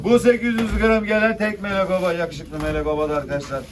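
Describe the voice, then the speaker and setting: Casting: male auctioneer, high voice, chanting bids to buyers, picked up from a distance. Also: little pitch movement, fast talker. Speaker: fish auctioneer. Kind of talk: auctioneer calling out bids to a crowd. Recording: distant noisy mic with clicks, birds.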